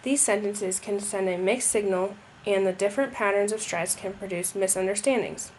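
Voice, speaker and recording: A woman's voice: mid-range voice, moderate pace, a little mellow, slight background noise. A young woman reading a school presentation aloud, with occasional slips and restarts. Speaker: student presenter.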